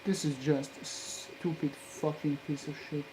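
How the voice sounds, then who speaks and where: Slow, cursing, frustrated solderer muttering. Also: little pitch movement, noisy background. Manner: cursing angrily at the work, with sudden loud outbursts; low grumbling between outbursts. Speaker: hobbyist electronics maker. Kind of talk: muttering while soldering on camera.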